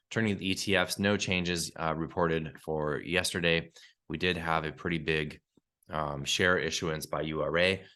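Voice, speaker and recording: A man hosts a solo podcast giving a market update, working through prices and charts in a steady, analytical way with a few fillers. He has a bass voice that sounds congested from a cold, and he also publishes a newsletter.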